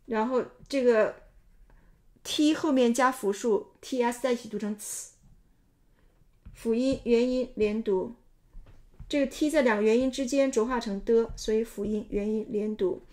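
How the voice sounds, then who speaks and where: A woman's voice: a little high, a little slow, darkish tone. Methodical woman pronunciation instructor. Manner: methodical, explains step by step. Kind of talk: explanatory lesson narration.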